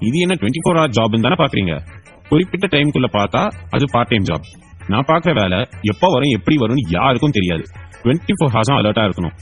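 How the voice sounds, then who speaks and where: A man's voice: medium pitch, slightly rough. Man doing a cocky young md, chatty and playful, voice bouncing around. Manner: playful, talkative, lively delivery. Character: young company boss, breezy and cocky.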